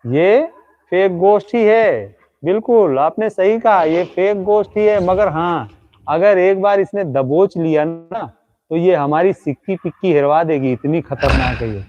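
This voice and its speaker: His high-sitting voice is expressive and measured, captured in lo-fi sound. At night outdoors, this comedy live streamer teases and talks directly to an invisible ghost he claims is standing in front of him.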